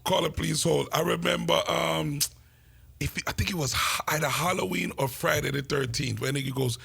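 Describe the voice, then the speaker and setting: A man's voice: fairly high pitch, moderate pace, creaky, fairly bright tone, slightly rough. A middle-aged man hosting a casual radio chat, laid-back and joking. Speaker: radio host.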